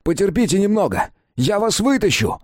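A desperate husband shouts frantically through the ruins, played by a man. His voice climbs high and strained above the narrator's low register, and the sound stays dry and close. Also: animated, takes it slowly, no echo.

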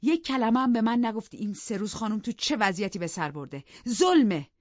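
A stern, wounded husband in a storybook reading, as a woman narrator puts him on. He speaks reproachfully and demands answers, his voice pitched fairly high. The sound is dry and a little muffled. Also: animated, a little mellow, no echo, lightly acted. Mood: bitter.

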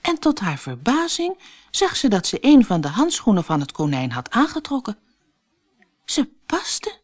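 Lively Dutch woman reading a storybook. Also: medium pitch, normal speed. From Netherlands. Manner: lively, expressive narration.

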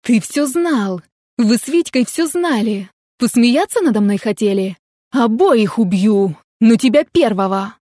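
A woman voicing a hot-tempered, blunt young woman in an audiobook, shouting indignantly. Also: a little high, lively intonation, unhurried, no room sound, clean studio sound. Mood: furious.

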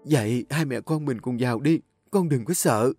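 A man voicing a desperate middle-aged mother who is fierce and tearful, with a high shrill pleading voice. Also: normal speed, darkish tone, slightly rough, faint music behind. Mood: tender, urging.

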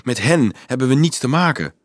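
An earnest teenage boy addressing a crowd of children, halting at first and then pressing and eager, as a man reads him aloud. His delivery rises and falls in a lively way. The storybook recording is dry and close. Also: medium pitch, no echo, voice pushed up, natural voice. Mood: urgent. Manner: hesitant, then urgent and explaining. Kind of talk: audiobook reading.

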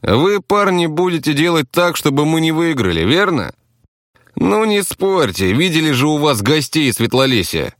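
A coarse, defiant captive thug who swears constantly and talks down to everyone, as a male narrator puts him on. His voice sits noticeably higher than the narrator's own and swings widely in pitch. The recording is dry and close, with no room sound. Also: big pitch swings, moderate pace, fairly bright tone, no echo. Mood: indignant. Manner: coarse, swearing, blustering, addresses others as brother. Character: crude defiant male captive gang fighter.

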